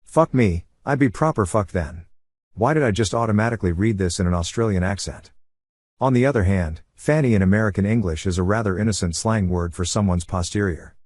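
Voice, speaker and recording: A man reading online forum comments aloud in an even, matter-of-fact way as the narrator of a compilation. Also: fairly low pitch, a little fast, dry recording, clean studio sound.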